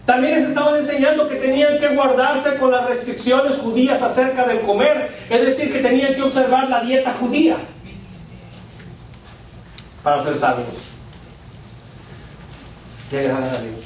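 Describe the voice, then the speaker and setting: A man preaching a sermon as pastor, with pauses, letting his voice drop at the ends of lines. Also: very high voice, a little hiss or hum. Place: church hall. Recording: very echoey church hall from far off.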